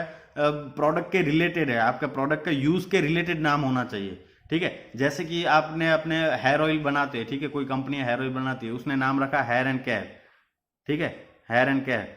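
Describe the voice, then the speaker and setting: Young male teacher giving a classroom business lecture, steady explaining manner. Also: a little high. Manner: mixes Hindi and English, repeats points with "ठीक है".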